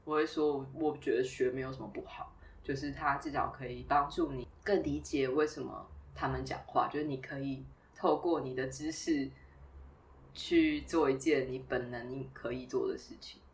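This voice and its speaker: A woman from Taiwan talks in a casual, chatty way and tells her stories with ease. Her voice sits low, and it sounds a little distant from the microphone. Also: fairly even intonation, moderate pace, slight background noise. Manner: chatty, storytelling, laughs easily. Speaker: guest, former PhD student. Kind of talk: casual conversation.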